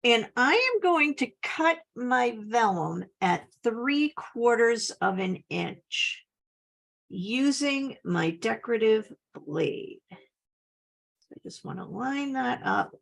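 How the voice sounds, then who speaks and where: A woman's voice: on the high side, big pitch swings, slow, gravelly, a bit bright. A woman giving a casual, chatty scrapbooking tutorial, upbeat and full of little laughs. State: slight cough. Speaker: scrapbooking instructor.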